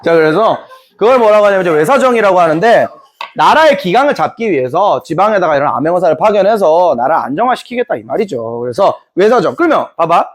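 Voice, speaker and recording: A man's voice: sits high, big pitch swings, fast talker. A man teaching a history class in a playful, joking way, acting out scenes. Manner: playful, jokey, acts out scenes. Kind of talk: lively classroom lecture.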